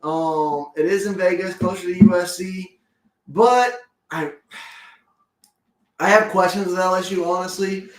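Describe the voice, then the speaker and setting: High-voiced co-host, distant and echoey. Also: male voice, a little slow, long pauses. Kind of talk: casual sports chat.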